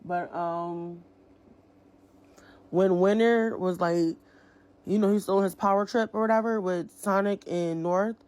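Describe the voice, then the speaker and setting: A woman's voice: fairly low pitch, fairly even intonation, measured pace, long pauses, a little mellow. A woman giving a casual, rambling review of a series episode, full of fillers, repeated phrases and slang. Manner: slangy and emphatic.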